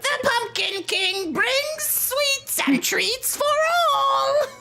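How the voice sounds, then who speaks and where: A woman's voice: expressive, very slow, exaggerated voice. A woman voicing a grandiose, gleeful pumpkin monster villain in a shrieking, proclaiming voice for a tabletop game. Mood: gleeful menace. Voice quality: high, shrieking shouted voice.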